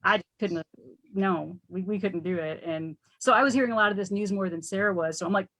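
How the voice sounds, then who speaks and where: A woman's voice: mid-range voice, brisk, fairly bright tone, low-quality recording. Earnest chatty woman from Chicago. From Chicago area. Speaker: event organizer guest. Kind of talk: casual chat.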